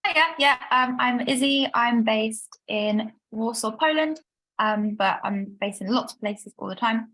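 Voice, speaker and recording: A woman with a high, bright, forceful voice introduces herself on a video call. She sounds cheerful and casual. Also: poor audio. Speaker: community builder.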